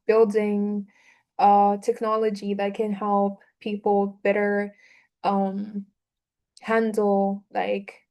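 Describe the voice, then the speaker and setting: A woman's voice: medium pitch, darkish tone. A woman giving a conference talk, hesitant with many fillers. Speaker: conference speaker.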